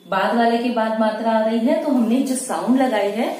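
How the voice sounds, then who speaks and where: A woman with a mellow, unhurried voice walks through a lesson, repeating each word slowly and patiently. She sounds set back from the mic in a very echoey room, with a faint hiss behind her. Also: on the high side, far from the mic. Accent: Indian Hindi. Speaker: shorthand teacher. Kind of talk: step-by-step tutorial explanation.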